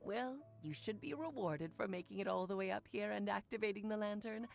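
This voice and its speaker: A woman's voice: medium pitch, moderate pace, creaky, close to an everyday voice. A woman voicing a playful, coy older witch in a video game, with a theatrical, teasing storyteller delivery. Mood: amused, coy. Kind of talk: scripted video game dialogue. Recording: music under the voice.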